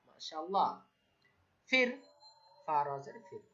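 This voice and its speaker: Woman recitation teacher, slow and patient, drills syllables then asks for repetition, muffled lo-fi sound. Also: low voice, big pitch swings, sharp tone. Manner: spells out syllables, then asks listeners to repeat. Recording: dull lo-fi sound.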